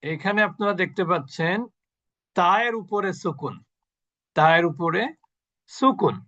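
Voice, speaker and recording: A man's voice: sits high, bright, forceful tone, dull audio. A man teaching a Quran recitation class online. He explains each point step by step, asking the class questions and then answering them himself. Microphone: video call.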